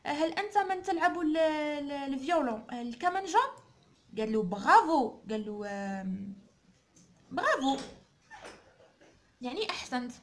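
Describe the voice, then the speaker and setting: A woman with an Algerian Arabic accent explaining a French school book to mothers and pupils, slow and patient, saying each sound over and over. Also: high-pitched, lively intonation, slight background noise. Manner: slow, repeats words, spells French sounds aloud. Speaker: teacher explaining a French textbook.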